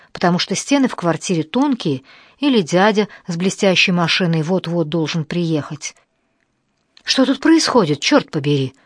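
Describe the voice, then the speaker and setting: Woman narrating a book, dry close mic, middle pitch, jumps up for the quotes. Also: no echo. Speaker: audiobook narrator. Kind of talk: scripted narration.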